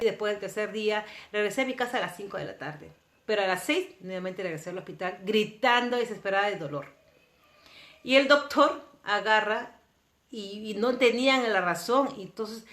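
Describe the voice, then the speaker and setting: A woman from Peru, telling a personal story to camera in an earnest, emotional way, her volume swinging between soft and intense. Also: mid-range voice. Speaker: vlogger. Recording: roomy echoing room.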